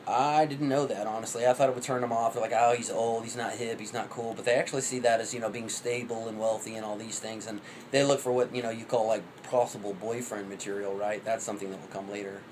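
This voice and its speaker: A man's voice: lowish voice, fairly even intonation, fast, few pauses, darkish tone, a little hiss or hum, poor audio. A man in his thirties giving rambling, profane dating advice in a cocky, offhand way. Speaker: vlogger.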